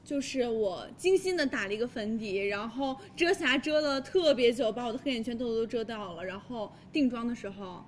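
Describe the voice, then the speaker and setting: A woman's voice: a little high, fairly quick, hardly any pauses, a little hiss or hum. A woman hosting live shopping in a chatty hard-sell style, often checking for agreement with little tag questions.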